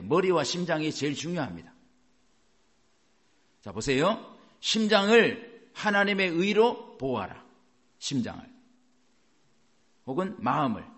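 A male pastor preaching a sermon, emphatic and asking his congregation rhetorical questions. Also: mid-range voice.

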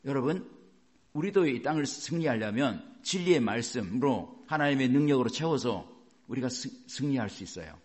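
A man's voice: medium pitch, expressive, moderate pace, darkish tone. A male pastor preaching a sermon, emphatic and asking his congregation rhetorical questions.

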